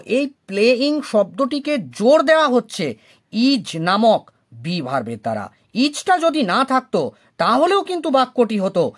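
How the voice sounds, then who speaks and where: Woman teacher walking students through grammar rules, patient, points at examples, voice rises and falls a lot. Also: on the high side. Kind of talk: explaining lesson in Bengali.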